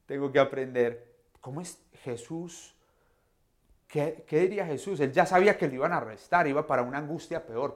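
A man giving a devotional Bible talk, reflective and explanatory, swinging from hushed to loud emphatic peaks. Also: mid-range voice. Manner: reflective, explains scripture in own words. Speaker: preacher and vocal teacher.

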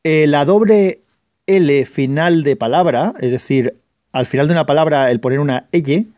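Valencian man explaining, higher-pitched, mellow. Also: no room sound, muffled recording. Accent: Valencian Spanish. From Valencia, Spain. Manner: patient, restates and clarifies points with frequent "eh" pauses. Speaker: channel host. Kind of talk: casual explainer monologue.

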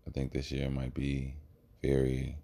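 Male, slow and monotone, for a reflective, halting solo ramble with a gravelly fry. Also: extremely low pitch. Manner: halting, reflective, trailing pauses. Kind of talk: rambling spoken monologue.

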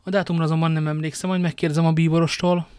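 A man's voice: a little high, flat delivery, darkish tone, clean tone, no echo, studio quality, pitched above the performer's own voice, lightly acted. A man playing a cold, cruel, smug king. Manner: smug, coolly teasing. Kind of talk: audiobook reading.

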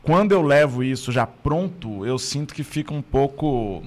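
A man's voice: medium pitch, animated, moderate pace, a little mellow. A man, a stand-up comedian talking casually and explaining his process in long, thoughtful stretches. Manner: thoughtful, explains at length with restarts. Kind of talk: casual chat.

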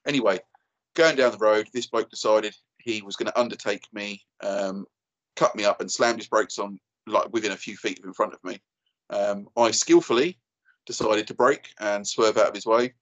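A man's voice: fairly low pitch, moderate pace, fairly bright tone, muffled recording. A man in his thirties with an Essex accent, telling an anecdote in casual, blokey, slangy chat. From Essex, England. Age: 30s. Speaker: podcast guest and YouTuber.

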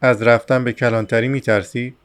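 Brooding young ex-student, male, slow and distracted, read by a male narrator. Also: medium pitch, little pitch movement, clean tone, no room sound, natural voice. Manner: slow, absent, musing speech.

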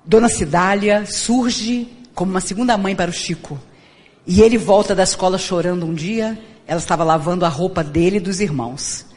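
A woman's voice: on the low side, a little fast, darkish tone. A woman giving a spiritist lecture, retelling stories dramatically and acting out the voices she quotes. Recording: long reverb of a lecture hall.

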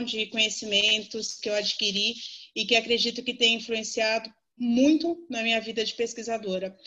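Bright-voiced woman telling a personal story. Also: fairly high pitch, highs cut off. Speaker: researcher sharing a personal story. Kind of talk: personal storytelling on a video call. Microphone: video call.

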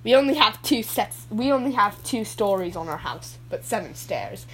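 A woman's voice: medium pitch, sing-song, moderate pace, a bit bright, a little hiss or hum, rough recording. A woman voicing a goofy, rambling adult male dad who keeps getting sidetracked in his story.

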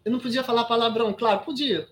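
A Brazilian actress in her sixties, guesting on an interview podcast, tells a story emphatically in a Brazilian Portuguese accent. Her fairly high voice holds a steady tone at a rapid-fire pace, with many restarts and "sabe?" asides.

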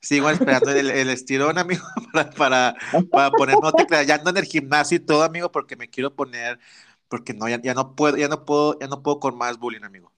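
A man's voice: mid-range voice, fast, a bit bright. A man with a Mexican accent hosting a podcast interview, campy, teasing and flirtatious in casual chat. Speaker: podcast host.

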